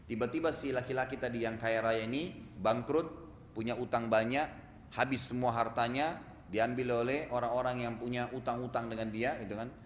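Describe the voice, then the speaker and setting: A male preacher giving an animated storytelling sermon, asking the audience rhetorical questions. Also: mid-range voice, a little fast, slight background noise. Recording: echoey hall, faint ambience.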